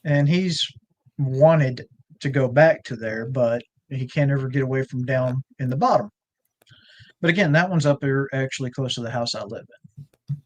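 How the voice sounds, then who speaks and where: A man with a drawl spins a long, meandering story about his land. He talks in a loose, folksy way, full of "you know" and "uh", at an ordinary, middle pitch. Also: moderate pace, darkish tone. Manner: rambling, folksy storytelling with fillers. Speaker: ranch owner and guest. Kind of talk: casual storytelling chat.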